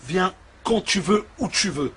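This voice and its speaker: High-pitched man, shop owner, aggressive crude rant, noisy recording. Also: animated, unhurried, fairly bright tone. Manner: aggressive, crude, repetitive threats. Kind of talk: angry rant to camera.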